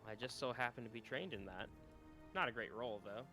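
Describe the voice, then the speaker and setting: A man's voice: mid-range voice, a little fast, over music. A man playing a tabletop game, asking casual, curious questions and swearing freely. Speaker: player.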